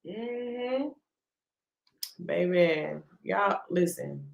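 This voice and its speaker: A woman's voice: lowish voice, expressive, very slow, gravelly, roomy sound, dull audio. Drawling, exasperated woman streamer. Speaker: live-stream host. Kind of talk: casual live-stream commentary.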